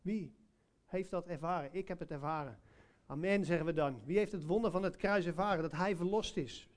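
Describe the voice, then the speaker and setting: A man's voice: sits high, brisk. A man preaching a sermon, telling a personal story in a conversational way, with many hesitations and direct questions to listeners.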